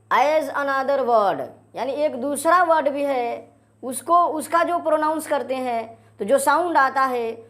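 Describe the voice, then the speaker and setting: Casting: woman teacher, high voice, slow and repetitive, keeps checking in with the class. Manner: repeats key phrases slowly, checks understanding with "right?". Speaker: English grammar teacher. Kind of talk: classroom-style lesson explaining definitions.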